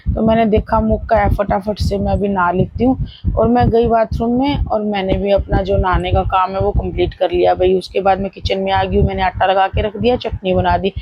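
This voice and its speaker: A woman's voice: mid-range voice, fairly even intonation, moderate pace, husky, dry recording, highs cut off. A woman in her thirties chatting through her household chores as a family vlogger, describing each step as she goes. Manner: chatty, running commentary on chores. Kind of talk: casual daily-life vlog narration.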